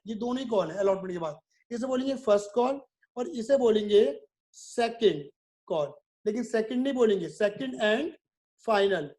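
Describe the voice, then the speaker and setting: A man's voice: very high-pitched, a little mellow. A male commerce teacher giving a video lecture. He asks questions, answers them himself, repeats key terms and calls his students "my son". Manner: repetitive, drilling terms.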